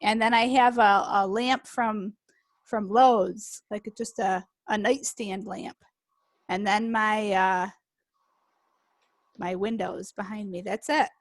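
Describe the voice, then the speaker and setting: A woman's voice: medium pitch, steady tone, slow pace, no echo. A woman organizer on a video call giving announcements in a friendly, plain way. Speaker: meetup organizer. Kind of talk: casual video call chat. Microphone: computer mic on video call.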